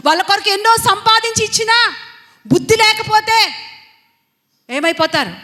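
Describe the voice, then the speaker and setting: A woman preacher with a very high, bright and forceful voice delivers a Sunday sermon in a church hall. She presses her points by repeating phrases and asking the congregation question after question. Her voice rings with a long hall reverb. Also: moderate pace. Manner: emphatic, repetitive, rhetorical questions to the congregation.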